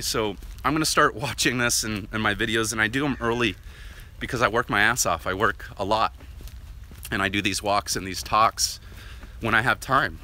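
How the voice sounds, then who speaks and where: A man vlogs as he walks down a residential street, talking loudly and casually in a lowish voice and rambling on with frequent "right?" checks. He wears no mic, relying on a camera or phone in hand, and there's a faint hiss or hum.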